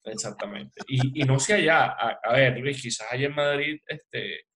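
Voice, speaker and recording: A man's voice: medium pitch, normal speed, a bit bright. A man in his thirties with a Venezuelan accent, co-hosting a casual sports chat. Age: 30s. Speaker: talk show co-host.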